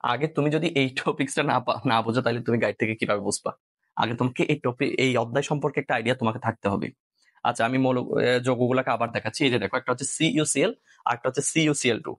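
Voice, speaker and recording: A man from Bangladesh teaching a live online science class, repeating points and checking if students follow. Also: mid-range voice. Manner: quick, repeats points, asks "clear?"; mixes in English words.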